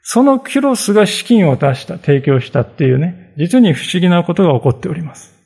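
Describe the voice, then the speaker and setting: A man's voice: sits high, animated, a little fast, creaky, darkish tone, breathy edge. A male pastor giving a conversational sermon, reading scripture and explaining it with frequent fillers and asides.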